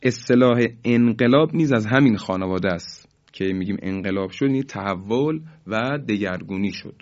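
A man teaching Quran recitation rules to listeners, explaining patiently and slowly drawing out the example words as he recites them. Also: lowish voice, a little mellow, lo-fi sound. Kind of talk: tajweed lesson for listeners.

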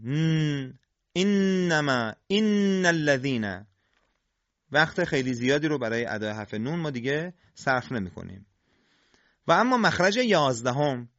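Slightly high-voiced man teaching pronunciation. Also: fairly bright tone, no echo, highs cut off. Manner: slow, deliberate, demonstrates sounds. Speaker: Quran recitation teacher. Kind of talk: scripted instructional lesson on tajweed.

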